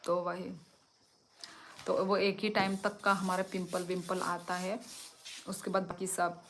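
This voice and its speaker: A woman's voice: on the low side, level tone, measured pace, slight background noise. A young woman hosting a casual livestream, chatting with her viewers and answering their comments as she switches between languages. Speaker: livestream host.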